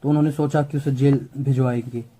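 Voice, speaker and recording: A man's voice: medium pitch, steady tone, a little fast, mellow, slightly rough. A young man teaching biology mnemonics for exams, repeating terms and checking often that students follow. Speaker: biology tutor. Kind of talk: exam mnemonic lesson.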